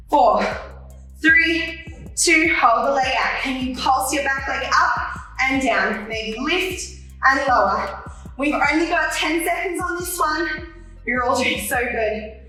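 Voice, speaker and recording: A woman's voice: high-pitched, sharp tone. A woman leading a follow-along pilates workout, upbeat and encouraging, counting down reps and a little out of breath. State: slightly out of breath. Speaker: pilates instructor. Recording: roomy echo, distant from mic, faint music.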